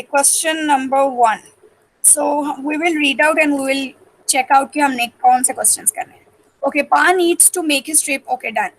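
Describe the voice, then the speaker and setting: A woman teaching a reading-comprehension class, switching between English and Hindi and alternating slow dictation with rapid explanation. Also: high voice, rough recording. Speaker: school teacher. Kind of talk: online reading-comprehension lesson.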